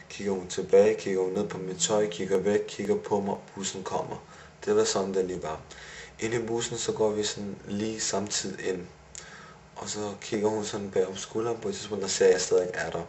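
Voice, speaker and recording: A man's voice: deep voice, a little mellow, slight background noise. A young man recapping his day in a casual video diary, rambling and self-analytical with many fillers. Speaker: vlogger.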